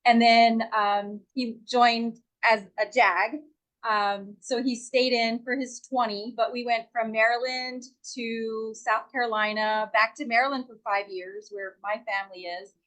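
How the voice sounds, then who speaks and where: A middle-aged woman with a slightly high voice chats as a guest. She rambles a little and stops to correct herself mid-sentence. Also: fairly even intonation, a little slow, a bit bright, rough recording. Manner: chatty, rambling, self-correcting. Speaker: guest, real estate agent. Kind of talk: casual chat.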